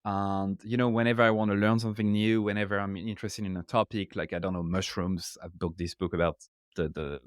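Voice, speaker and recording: A French man speaks English as a second language with a French accent, his voice on the low side, fairly even in intonation and fairly quick. He's an author appearing as a podcast guest, casually explaining ideas in interview talk and often checking in with "right?". The studio sound is clean with no echo.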